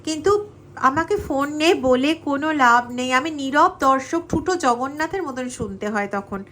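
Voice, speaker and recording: High, bright-voiced Bengali woman reading tarot. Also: normal speed. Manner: earnest, addresses listener directly with coaxing asides. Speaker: tarot reader. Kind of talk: tarot reading monologue to viewers.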